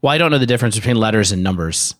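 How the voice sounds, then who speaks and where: A man co-hosting a casual podcast, chatty and joking, reading out card text and giving shout-outs. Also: on the low side, animated, very fast, no room sound, clean studio sound. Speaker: podcast co-host.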